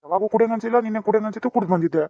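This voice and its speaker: A man's voice: high-pitched, racing, no room sound, natural voice. Man voicing a scornful, angry drunk husband. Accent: North Karnataka Kannada. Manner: shouting, scornful, brusque. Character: angry drunk young husband, harsh, defiant. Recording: dry, dull lo-fi sound.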